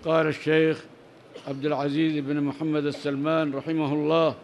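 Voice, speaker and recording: A man's voice: on the high side, level tone, a little fast, slight background noise. A man teaching a religious lesson, reading narrator chains and texts aloud, then explaining them in plain words and adding short prayers. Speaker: Islamic teacher reading hadith.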